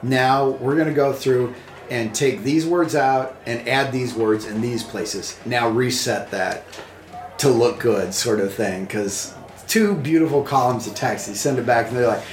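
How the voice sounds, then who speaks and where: A man hosting a casual podcast chat, agreeable and quick with short replies. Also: mid-range voice, a little hiss or hum. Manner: agreeable, frequent backchannel replies. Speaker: podcast host. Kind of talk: casual conversation. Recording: roomy echo.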